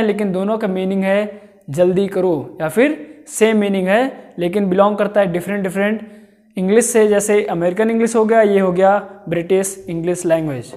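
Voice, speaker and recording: A man giving a spoken-English lesson who repeats himself and slowly draws out each example phrase. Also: sits high, darkish tone. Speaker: English teacher.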